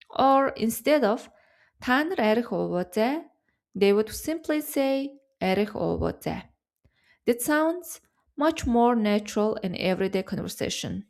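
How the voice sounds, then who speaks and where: Woman language teacher, fairly high voice, slow and careful scripted lesson delivery. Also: darkish tone. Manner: slow, careful explanation with example words.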